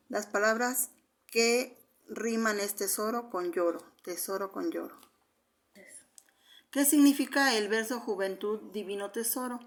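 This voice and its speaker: A woman's voice: medium pitch, a bit bright. A woman teacher patiently going through quiz answers one by one, speaking to her students in a methodical way. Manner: patient, methodical, addresses the class. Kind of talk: explaining answers of a Spanish review quiz.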